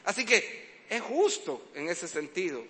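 A man preaching, his voice sitting high and sounding sharp and bright. He tells lively stories of fatherhood, acting out sounds as he goes. The sound carries a long hall reverb over a faint background hiss. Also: measured pace. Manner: animated storytelling, acting out sounds and cries. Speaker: preacher, father of young children. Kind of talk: sermon with humorous family anecdotes.

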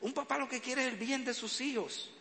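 A man's voice: very high-pitched, a little fast, vocal fry, pushed and bright. A man preaching a sermon, telling humorous stories about fatherhood and acting out the sounds and cries he describes. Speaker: preacher, father of young children. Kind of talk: sermon with humorous family anecdotes. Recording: long hall reverb, faint background noise.

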